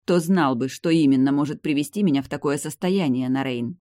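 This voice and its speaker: A woman's voice: deep voice, a little fast, dark tone, dry recording, lightly acted. A woman voicing a young vampire heroine who talks curtly and sarcastically, with cold irritation, in a dry-sounding reading.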